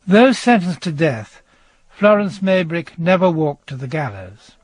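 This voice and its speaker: A man presents a scripted true-crime radio programme, narrating in a measured storytelling manner. His voice is a little high, very animated, and has a breathy edge. There is no room sound.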